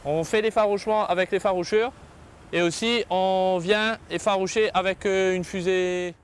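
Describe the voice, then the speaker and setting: A man's voice: high-pitched, fairly even intonation, moderate pace, a little hiss or hum. A male firefighter explaining his job while at work, recorded on location. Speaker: airport firefighter. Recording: outdoor location with vehicle ambience.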